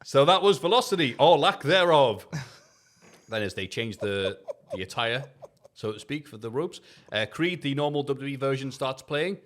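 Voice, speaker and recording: A man's voice: mid-range voice, lively intonation, normal speed. A man co-hosting a wrestling review podcast, reading his written recap in a jokey, casual way, swearing and laughing often.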